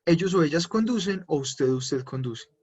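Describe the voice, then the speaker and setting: Husky-voiced man teaching German. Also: fairly high pitch, lively intonation, normal speed. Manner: explains step by step, switching between Spanish and German drills. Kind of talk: online class explanation.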